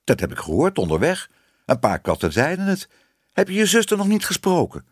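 A man's voice: a little high, huge pitch swings, breathy edge, no room sound, studio quality, pitched above the performer's own voice, heavily acted. A man reading a storybook, voicing a chatty newsroom cat who eagerly passes on gossip. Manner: eager, insistent, quick.

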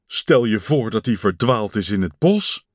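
A man voicing an anxious, caring male toad who frets and cries out loudly in a storybook reading. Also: lowish voice, very animated, unhurried, no room sound, clean studio sound. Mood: worried. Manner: fretful, rising to loud cries.

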